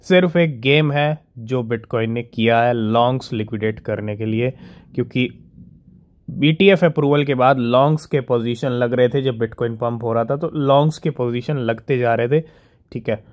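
A man giving casual crypto news commentary, reading English headlines slowly and explaining them in Hindi, often checking in with "theek hai?". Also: mid-range voice. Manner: keeps asking "ठीक है?" to check in with viewers.

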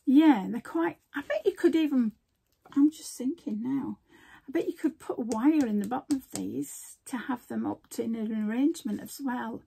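An older woman, a crafting vlogger, casually presents her craft supplies at home, chatting and rambling and interrupting herself mid-sentence. Her voice is high yet gravelly and husky, with a warm tone, normal speed, and few pauses.

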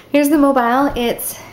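A young woman vlogger gives a casual tour of the spare room upstairs in her house, filming on a handheld camera. She sounds chatty and upbeat with lots of fillers, a little out of breath, and her voice is high-pitched over a faint hiss or hum.

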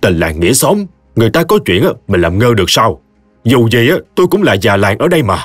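A man voicing a gruff old village elder with a Mekong Delta Vietnamese accent, grumbling and scolding. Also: on the low side, animated, brisk, no room sound. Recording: dry close studio voice, soft music behind.

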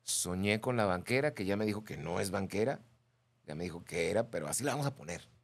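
A man with a Mexican Spanish accent, hosting a radio show and chatting casually while reading listener messages, gossipy and animated. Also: deep voice, quick pace, gravelly, breathy edge. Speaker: radio host.

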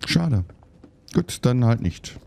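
A man's voice: mid-range voice, sing-song, takes it slowly, creaky. A man chatting casually while playing a game, muttering to himself and getting annoyed easily. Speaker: let's play host. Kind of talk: casual gameplay commentary.

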